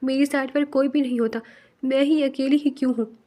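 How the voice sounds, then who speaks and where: A woman's voice: high voice, steady tone, fairly quick, dark tone, close to an everyday voice. A woman reading a tearful young woman. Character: young woman office worker, tearful and frightened.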